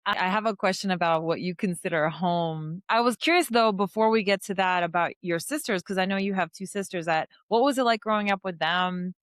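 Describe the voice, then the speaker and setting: A woman's voice: fairly low pitch, fairly quick, hardly any pauses, clean tone, dry recording. A woman co-hosting an interview, curious and asking questions. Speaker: interview co-host. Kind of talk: casual interview.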